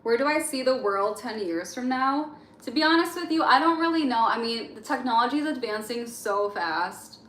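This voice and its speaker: A woman's voice: a little high, animated, normal speed, few pauses, a bit bright, slight background noise. A young woman born in Egypt, casually chatting with viewers on a late-night livestream, answering chat questions with lots of fillers. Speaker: livestream host. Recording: roomy echo with faint music.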